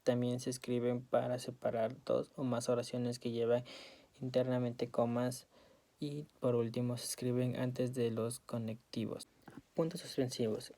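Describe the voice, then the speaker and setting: A woman reading study notes aloud as a student presenter, in a steady, list-like way. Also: a bass voice, vocal fry.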